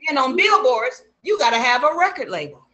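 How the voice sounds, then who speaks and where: Bright high-voiced man, eager. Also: sing-song, fairly quick, poor audio. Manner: enthusiastic, repeats himself. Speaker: gospel musician guest. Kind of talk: casual chat.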